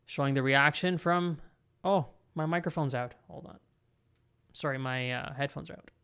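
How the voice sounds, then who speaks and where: A young man hosting a live football watch-along, calling the play with excitable reactions and chatting to his viewers. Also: a little high, moderate pace, clean tone. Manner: excitable, talks to live chat between play calls. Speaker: live football stream host. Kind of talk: live match reaction commentary.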